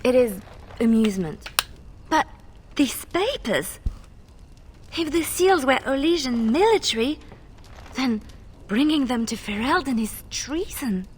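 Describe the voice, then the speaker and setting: A woman's voice: high-pitched, animated, measured pace, pauses often, slight background noise. An actress playing a young woman spy and bard who speaks earnestly and anxiously. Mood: alarmed.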